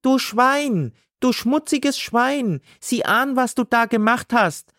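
A man putting on a shrill scolding sausage-stand woman. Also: measured pace, vocal fry, no room sound, studio quality. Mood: outraged. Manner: shrieking, indignant outbursts.

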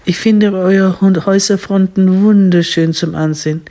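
Woman doing a little seahorse, bubbly, chatty, mellow, storybook. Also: mid-range voice, fairly even intonation, normal speed, lightly acted.

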